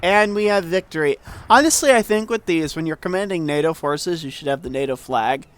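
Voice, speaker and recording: A man's voice: on the high side, a little fast, a bit bright. A man streaming a game, talking casually over it with wry, rambling asides. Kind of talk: casual let's-play commentary.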